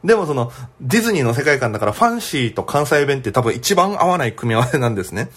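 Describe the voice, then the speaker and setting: A young man, a comedian, telling a story alone on his podcast in a chatty, animated way. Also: mid-range voice, fast, slightly rough.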